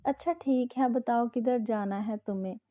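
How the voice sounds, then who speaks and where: A woman's voice: fairly high pitch, normal speed, dull audio, lightly acted. Woman reading as a teasing young husband. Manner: teasing, exasperated. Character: young man, teasing, easily exasperated husband.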